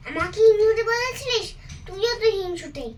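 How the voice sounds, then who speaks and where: A woman's voice: very high-pitched, expressive, normal speed, pitched above the performer's own voice. A woman voicing a naughty, greedy little girl doll in a doll story, whiny and pleading, recorded from a distance with noise behind. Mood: bickering. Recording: distant with clear background noise.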